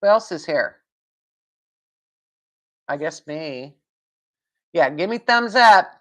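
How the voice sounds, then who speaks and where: A woman's voice: low voice, animated, slow. A woman hosting a casual live stream from home, rambling, laughing and answering viewer comments.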